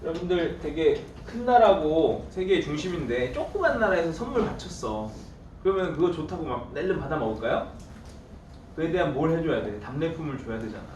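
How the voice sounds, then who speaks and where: A history teacher with a slightly high, animated voice lectures his class a little fast, firing off questions and answering them himself while playfully teasing his students. He's captured from a distance in an echoey room with faint background noise.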